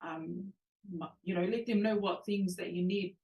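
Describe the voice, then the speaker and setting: A woman teacher from New Zealand speaking in a measured, thoughtful panel discussion. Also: lowish voice, steady tone, highs cut off. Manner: measured, thoughtful, frequent ums. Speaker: teacher and guest. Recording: distant from the mic.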